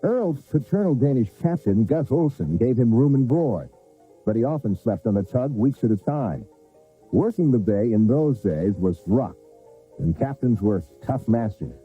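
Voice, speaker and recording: A male TV news reporter narrating a scripted feature story in a measured, storytelling delivery. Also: mid-range voice, expressive. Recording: tinny VHS broadcast with music.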